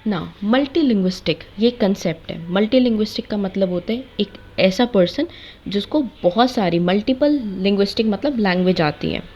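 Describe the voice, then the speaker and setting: Young woman lecturer, mid pitch, slightly dull lo-fi sound. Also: animated, fairly quick, a little mellow. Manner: mixes Hindi and English, lists points one by one. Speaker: B.Ed. course teacher. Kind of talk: explanatory lecture.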